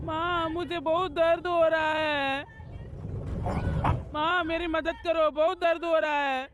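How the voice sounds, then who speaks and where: A woman's voice: very high-pitched, fairly even intonation, takes it slowly, noisy background. An actress dubbing a young woman who cries out in pain and pleads for help. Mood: anguished. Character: young woman in agony at a deathbed rite. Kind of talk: Hindi film dub.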